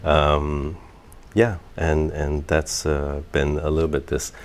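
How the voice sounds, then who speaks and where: A man from Taiwan, an architect guest, speaking hesitantly with many pauses and fillers in an office interview. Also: extremely low pitch, completely flat delivery, a little hiss or hum. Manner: hesitant, halting, many ums and uhs. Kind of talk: casual interview conversation. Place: university office.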